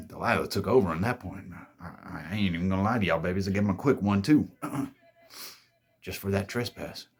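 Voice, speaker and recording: Deep and husky, the host's voice carries a casual, rambling story on his own show. He boasts and swears freely, corrects himself mid-stream, and refers to his audience as "babies."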